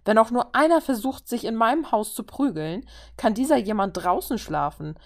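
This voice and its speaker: A woman's voice: on the high side, expressive, normal speed, voice pushed up. A woman voicing an exasperated man, the host of the house, who rises into indignant outbursts.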